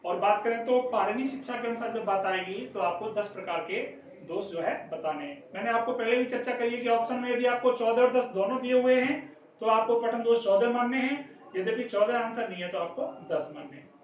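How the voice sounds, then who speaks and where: High-voiced male teacher in an echoey room. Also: brisk. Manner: explains step by step, often addresses listeners as friends. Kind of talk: exam-prep lecture. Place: classroom. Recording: echoey room, distant mic, faint noise.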